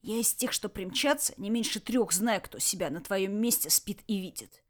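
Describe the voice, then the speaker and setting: Woman voicing a gruff male commander. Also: medium pitch, animated, moderate pace, natural voice. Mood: taunting. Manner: grumbling, coarse and dryly mocking.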